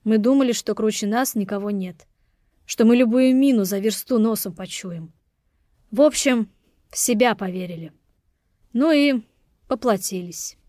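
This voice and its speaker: A woman voicing a calm, steady young man who speaks tersely. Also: medium pitch, normal speed, long pauses, no room sound, studio quality, close to an everyday voice.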